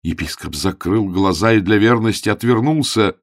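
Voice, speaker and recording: A man narrating a comic story in a measured, expressive way. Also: on the low side, dry recording, studio quality. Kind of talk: audiobook story reading.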